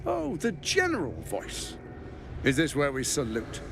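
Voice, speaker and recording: An actor playing a smug, scheming villain lord in a video game, theatrical, mocking and articulate. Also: male voice, fairly high pitch, huge pitch swings, measured pace, creaky, noisy background, heavily acted. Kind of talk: dramatic video game acting.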